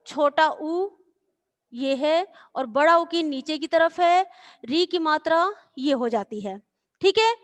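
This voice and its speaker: A woman's voice: sits high, a bit bright. A woman teacher patiently reciting letters and explaining to children in an online class. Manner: slow, patient, drawn-out recitation.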